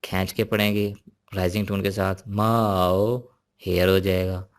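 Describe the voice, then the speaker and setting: A man's voice: sits low, monotone, normal speed, smooth. A man teaching an online language lesson, patiently explaining and drilling sounds one at a time.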